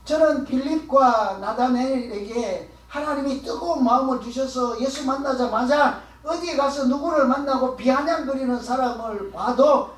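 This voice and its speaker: A man's voice: very high voice, moderate pace, few pauses. A man preaching a sermon as pastor, talking in a conversational way, asking the congregation questions and acting out quotes. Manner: acts out the quoted words of others. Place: church sanctuary. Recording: echoey hall, voice from far off.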